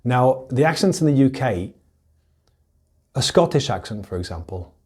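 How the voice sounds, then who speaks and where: A man's voice: moderate pace, slightly rough. A man with a British accent, an English teacher explaining pronunciation to learners and demonstrating sounds. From United Kingdom. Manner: explanatory, lively pitch jumps for emphasis, demonstrates sounds.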